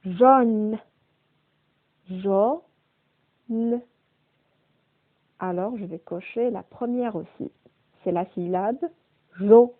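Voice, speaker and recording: Slow-paced teacher woman on a tinny line. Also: mid-range voice. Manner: repeats words slowly, stressing the sounds. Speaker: primary school teacher. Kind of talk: slow, deliberate remote phonics lesson. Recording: phone-quality, narrow-band audio.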